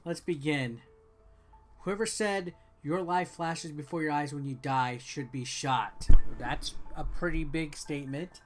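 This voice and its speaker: A game reviewer and video host gives casual, offhand gameplay commentary and reads game text aloud, with game music in the background. His voice is a little high and measured in pace.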